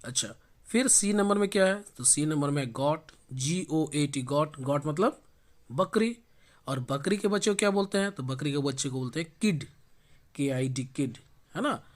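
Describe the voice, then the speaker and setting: A man teaching an English revision lesson in Hindi, who asks questions and answers them himself and slows down to spell words letter by letter. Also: a little high, animated.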